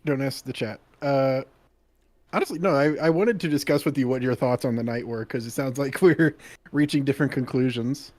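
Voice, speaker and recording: A man's voice: medium pitch, normal speed, darkish tone. A young man co-hosting a game stream, chatting casually with dry jokes. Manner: dry, joking. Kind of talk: casual gaming chat.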